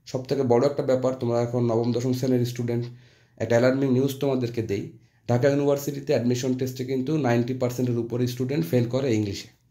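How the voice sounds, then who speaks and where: Mellow-voiced man teaching English. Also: mid-range voice, flat delivery. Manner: mixes Bengali and English, reads sentences slowly and explains. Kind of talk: online grammar lesson.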